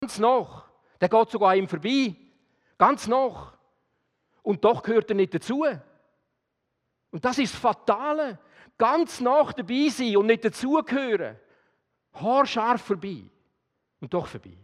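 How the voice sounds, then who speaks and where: A man with a Swiss German accent preaching a sermon, swinging between loud emphasis and quiet, intimate address. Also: very high voice, expressive, normal speed, long pauses, big-room sound.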